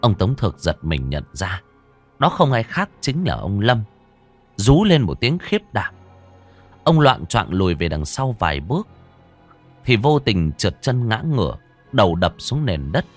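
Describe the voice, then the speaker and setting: A man's voice: fairly low pitch, sing-song, a little slow, soft background music. A man narrating a horror story in a dramatic, suspenseful scripted telling.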